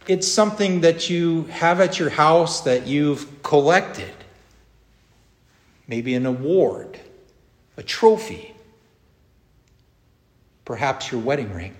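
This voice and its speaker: A man preaching a sermon as pastor, slow and measured, with emphatic rises on key words. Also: mid-range voice. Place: church sanctuary. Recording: long church reverb.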